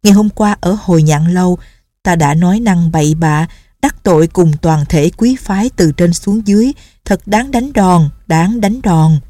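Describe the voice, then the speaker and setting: A woman voicing a sly, teasing young male swordsman who speaks gently and with mock remorse. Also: fairly low pitch, normal speed, no room sound, close to an everyday voice. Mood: mock-remorseful.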